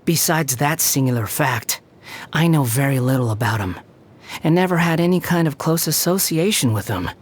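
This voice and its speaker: A young man voicing an aloof, sardonic puppet wanderer in a video game, with a condescending, sharp-tongued, theatrical delivery. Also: a little high, expressive, normal speed. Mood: bitter, sarcastic. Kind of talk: video game character voice lines.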